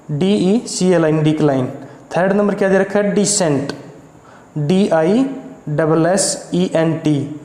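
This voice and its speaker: A man's voice: high voice, warm tone. A man teaching English vocabulary, speaking with an Indian accent, spelling each word letter by letter and correcting his own slips. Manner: spells words letter by letter, slow and deliberate. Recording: echoey room with long reverb.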